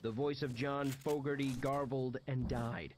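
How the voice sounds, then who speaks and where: A man's voice: medium pitch, fairly even intonation, a little slow. Man narrating a wry first-person story. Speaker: audiobook reader. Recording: noisy background hiss.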